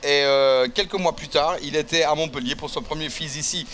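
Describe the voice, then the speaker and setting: High-voiced jokey French talk show host. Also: male voice, fairly bright tone. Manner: jokey, swears casually, quick asides. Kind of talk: casual live talk show banter.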